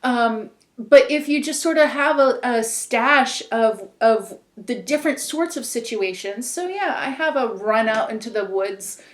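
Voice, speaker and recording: Chatty woman with a slightly high voice. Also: lively intonation, measured pace, roomy sound. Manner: chatty, rambling, lots of "like" and "whatever". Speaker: podcast co-host. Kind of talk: casual chat.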